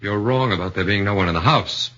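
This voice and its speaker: On a muffled old broadcast of a 1940s radio drama, a man voices a shrewd defense lawyer of middle age, questioning with a probing, measured approach. His voice sits on the low side and carries a sharp tone.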